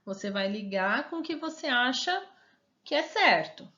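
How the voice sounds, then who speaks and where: A woman's voice: a little high, lively intonation, bright, forceful tone, dull audio. A woman teacher with a Brazilian Portuguese accent giving a remote lesson to young children, stretching out each word and asking coaxing questions. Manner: slow, syllable-stretched reading of words, coaxing questions.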